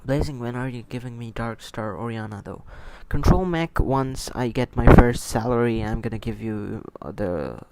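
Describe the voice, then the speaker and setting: Lively and mid-range with vocal fry, this man talks at normal speed with barely a pause, sounding slightly mellow over a little hiss or hum on a close mic. He hosts and commentates a gaming livestream in non-native English, his first language not Hindi, rambling, repeating, and fielding chat.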